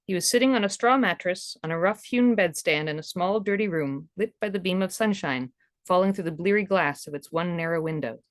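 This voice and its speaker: Female audiobook narrator for historical romance, lower-pitched voice, close dry sound. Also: fairly quick, no echo.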